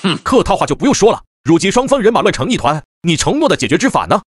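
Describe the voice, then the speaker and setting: A man's voice: high-pitched, big pitch swings, quick pace, a little hiss or hum. A man voicing a ruthless middle-aged armed gang captain who barks out threats and orders. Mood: menacing. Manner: barking, commanding, threatening. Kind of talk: comic animation voice acting.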